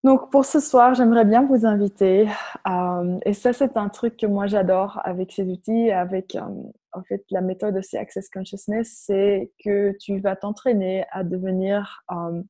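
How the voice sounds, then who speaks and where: Flemish-accented woman speaking French, mellow voice. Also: medium pitch, steady tone, unhurried. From Flanders, Belgium. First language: Flemish Dutch. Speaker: workshop facilitator. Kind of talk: guided visualisation and spiritual coaching to an online group.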